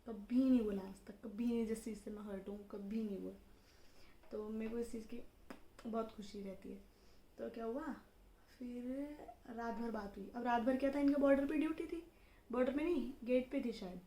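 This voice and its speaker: A young woman casually telling the story of how she met her husband, in a lively conversational way. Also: fairly high pitch, normal speed. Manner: chatty, animated, acts out dialogue in quotes. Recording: roomy echo with faint background noise.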